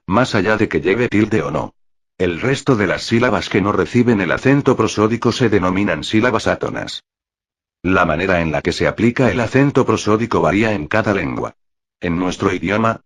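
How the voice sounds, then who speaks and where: Low husky male narrator. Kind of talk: scripted reading of a dictionary entry.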